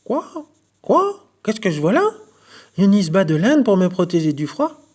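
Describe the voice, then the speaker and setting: Male reader doing a squeaky, croaky, begging storybook frog. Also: very animated, measured pace, a little mellow, exaggerated voice. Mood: pleading. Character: pleading little female frog.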